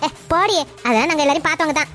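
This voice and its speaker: A woman voicing a sharp-tongued, defiant middle-aged wife in a cartoon family drama. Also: high-pitched, expressive, very fast, soft background music, pitched below the performer's own voice. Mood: snappy. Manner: snappy, dismissive.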